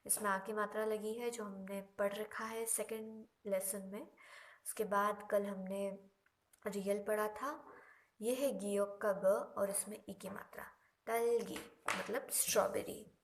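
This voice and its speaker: A woman teaching a language lesson, explaining each example slowly and patiently, with drawn-out repetitions. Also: mid-range voice, little pitch movement. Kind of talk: Korean lesson explained in Hindi.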